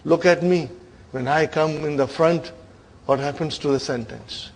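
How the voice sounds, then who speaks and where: A bossy little grammar word, a she who scoffs and fires challenging questions at a rival, as a male teacher puts her on. Her voice sits a touch high and the delivery is unhurried, like a storybook skit inside a lesson. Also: vocal fry. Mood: scoffing.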